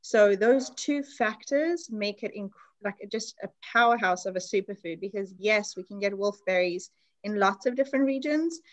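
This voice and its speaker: A woman's voice: medium pitch, lively intonation, normal speed. Woman host, chatty explainer, video call class. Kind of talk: online class presentation.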